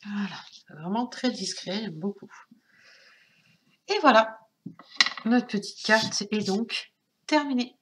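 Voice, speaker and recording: A woman with a French accent hosting a craft tutorial, calmly narrating each step, her voice nasal from a cold. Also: medium pitch, slight background noise. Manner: slow, calm, narrates each step with little sound words. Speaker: craft channel host.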